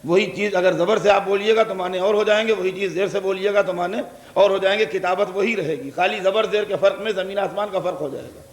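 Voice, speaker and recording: A man's voice: high voice, steady tone. A man with a Lucknow Urdu accent delivering a religious sermon to a large gathering, explaining with repeated examples and asking the audience questions. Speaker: preacher delivering a majlis. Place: large hall before a gathering. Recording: echoey hall recording, 1982 tape.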